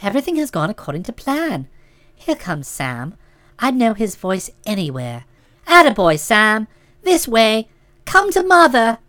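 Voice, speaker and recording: A woman voicing a spirited, teasing young woman who talks in a brisk, cheeky, scolding way. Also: a little high, wildly swooping pitch, a bit bright, dry recording, pitched below the performer's own voice, exaggerated voice.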